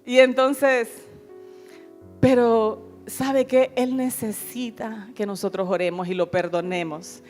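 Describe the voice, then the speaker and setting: A woman's voice: fairly high pitch, fairly even intonation, slow pace, a little mellow, soft background music. A middle-aged woman pastor preaching a sermon in an earnest, pleading way, often calling her listeners beloved.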